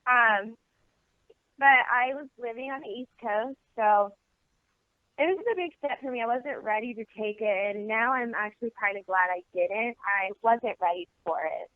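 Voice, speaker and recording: A young American woman from the Baltimore area in the eastern United States, an adult film performer, chats casually as an interview guest, answering candidly and informally. Her voice sits on the high side and moves at a normal pace. The dry recording comes through a tinny, narrowband phone line.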